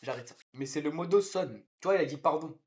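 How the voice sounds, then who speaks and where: Excitable high-voiced young male streamer. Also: fast talker. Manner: loud, excitable, swears and teases chat. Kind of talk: casual live-stream chat while cooking. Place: home kitchen.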